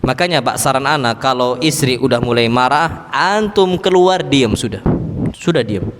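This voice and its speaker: A male preacher giving a lively, humorous mosque sermon and quizzing the congregation with rhetorical questions. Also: mid-range voice, normal speed, noisy background. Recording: echoey mosque hall.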